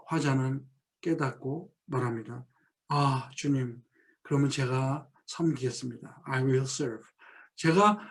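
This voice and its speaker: Middle-aged male professor, unhurried lecture delivery, slow drawn-out poetry reading. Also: a little high, darkish tone. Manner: reads English verse lines very slowly and deliberately; explains in plain spoken Korean, acting out quoted lines.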